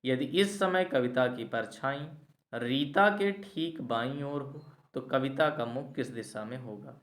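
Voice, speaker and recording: A male teacher walks through reasoning problems one step at a time, pausing to ask whether his students have understood. His voice sits a little high for a man. The sound carries the echo of a bare room. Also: a bit bright. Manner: explains step by step, asks "clear?" to check understanding. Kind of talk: classroom lecture explaining reasoning problems.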